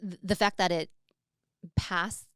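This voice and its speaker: Earnest low-voiced woman podcaster. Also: steady tone, takes it slowly, a bit bright, smooth, dry recording, clean studio sound. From United States. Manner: earnest, thoughtful, many fillers and restarts. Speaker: podcast co-host. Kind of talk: casual conversation.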